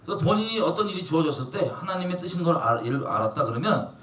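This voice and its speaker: A man's voice: a little high, very animated, fast talker, a bit bright. Emphatic male preacher in an echoey hall. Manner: emphatic, asks the congregation questions. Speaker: pastor. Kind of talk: sermon. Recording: echoey room from a distance.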